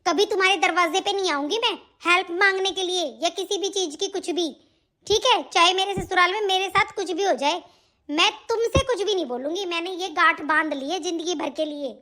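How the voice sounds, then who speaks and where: A woman voicing a young married sister in an animated family drama who taunts her brother and cuts ties in anger. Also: very high voice, a little fast. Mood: defiant. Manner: taunting, indignant.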